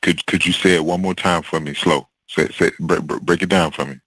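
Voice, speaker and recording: Deep, husky-voiced male podcast host. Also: fairly even intonation, fairly bright tone, no echo, low-quality recording. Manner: curious, halting questions with restarts. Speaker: therapist host. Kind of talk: podcast interview.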